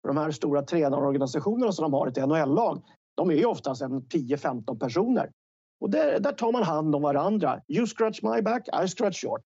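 A man's voice: fairly high pitch, animated, dark tone, slightly rough, dry recording, lo-fi sound. A man giving his views in an unscripted hockey discussion, talking discursively and tossing in tag questions. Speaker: studio commentator.

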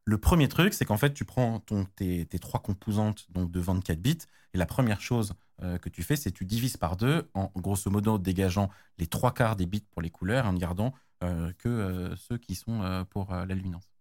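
A man's voice: sits low, normal speed, hardly any pauses, darkish tone. A man explaining technical standards in casual chat, slangy, with many restarts and fillers. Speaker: tech guest expert.

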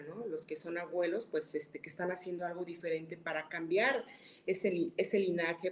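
Woman chatting in an echoey room. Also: lowish voice. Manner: conversational, many fillers like "este", tells anecdotes. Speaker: podcast host. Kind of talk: casual chat.

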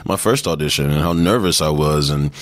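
Very deep-voiced man, hesitant and halting. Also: no room sound. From Texas, US. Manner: hesitant, many restarts and fillers. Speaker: actor guest. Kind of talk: casual interview talk.

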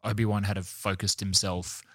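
A man chatting on a podcast panel, animated and jokey, often laughing mid-sentence. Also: on the low side, moderate pace, dry recording, clean studio sound. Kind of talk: casual chat.

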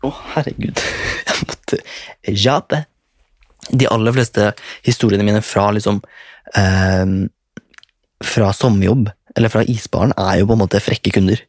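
A man's voice: fairly low pitch, no echo. A young man casually telling a story in a rambling way. He swears often and laughs as he goes.

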